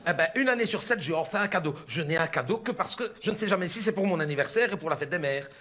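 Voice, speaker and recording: A chatty middle-aged mother with a Belgian French accent pours out her grievances, dropping "hein" and "écoute bien" as she goes, as a man voices her on stage. The voice sits high and bright. She confides in the listener like a neighbour over the fence. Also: expressive, fast. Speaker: stand-up comedian in character. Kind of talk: stand-up character monologue.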